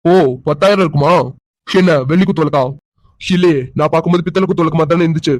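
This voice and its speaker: A man plays a brash young cartoon guy who talks fast, with a slightly high voice. He teases and argues, and the sound is dry and close. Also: fairly even intonation, no echo, close to an everyday voice, poor audio. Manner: brash and teasing.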